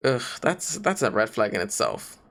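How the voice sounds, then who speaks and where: A young man co-hosts a casual podcast, chatting animatedly and rambling with plenty of "like" fillers. His voice is lowish and creaky, at a normal speed.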